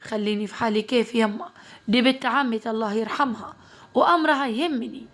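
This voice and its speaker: A protective young doctor speaks with firm, caring insistence in a spoken family story, with a woman storyteller doing him. His Upper Egyptian voice is pitched fairly high. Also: fast talker, natural voice.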